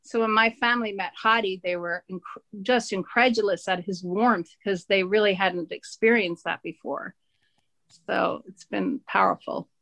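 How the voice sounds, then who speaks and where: Irish woman, 40s, guest, animated storyteller, dry close sound. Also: medium pitch, normal speed, vocal fry, dry recording. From Ireland. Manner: animated, laughing, emphatic storyteller. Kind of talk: casual conversation.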